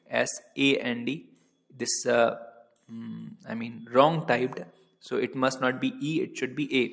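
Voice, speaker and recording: A man teaching vocabulary from slides, slow and patient, spelling each word out letter by letter and stopping to correct his own typos. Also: mid-range voice, big-room sound. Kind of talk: slide-based vocabulary lesson.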